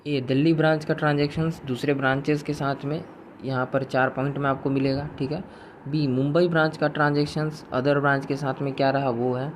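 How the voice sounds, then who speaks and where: A man's voice: mid-range voice, flat delivery, fairly quick, slight background noise. A man teaching a recorded accounting lecture in a chatty way, mixing in English terms and answering imagined questions from students.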